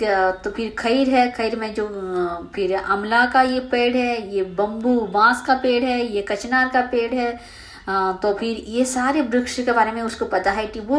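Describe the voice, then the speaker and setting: Woman, science teacher, somewhat high voice; slow English read-aloud, relaxed Hindi explaining full of fillers, asks and answers her own questions. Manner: reads textbook lines slowly in English, then explains in Hindi with fillers; asks the students questions and answers them herself.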